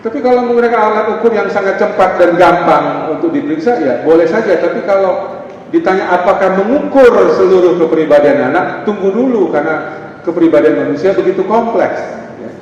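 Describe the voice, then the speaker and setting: A man's voice: high-pitched, animated, brisk, darkish tone. A middle-aged man from North Sumatra, a pastor and family counselor giving a conversational, anecdotal seminar talk to an audience. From North Sumatra (Batak). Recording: echoey hall, distant dull mic.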